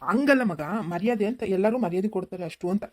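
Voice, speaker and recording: A woman's voice: medium pitch, pitched below the performer's own voice, close to an everyday voice. A woman doing a grumpy coughing old village grandpa. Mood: grumbling, scolding. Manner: scolding, rapid, grumbling.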